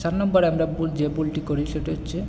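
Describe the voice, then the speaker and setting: A man teaching Quran recitation, explaining pronunciation and slowly chanting the verses in a drawn-out melodic style. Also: on the high side, fairly even intonation, background noise. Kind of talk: explaining recitation mistakes in Bengali. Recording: long reverb and faint music.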